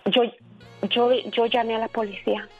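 A woman in her forties calls in to a radio show and tells a personal story, earnest and halting, full of fillers and restarts. Her voice sits a little high for a woman and comes through a dull, lo-fi line with faint music behind her. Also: level tone, slightly rough. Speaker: radio caller.

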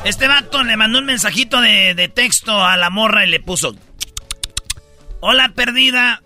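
A man hosting a comedy radio show, telling jokes in a loud, animated way. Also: sits high, brisk, soft background music. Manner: animated, loud, laughing storyteller.

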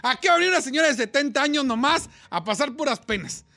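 A man's voice: very high-pitched, lively intonation, quick pace, creaky, bright, forceful tone. A man co-hosting a radio call-in show, blunt and argumentative, full of slang. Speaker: radio co-host.

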